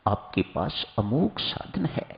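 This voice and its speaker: A man giving a slow, instructive sermon, addressing his listeners as seekers. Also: mid-range voice, big pitch swings, vocal fry, lo-fi sound. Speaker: spiritual preacher.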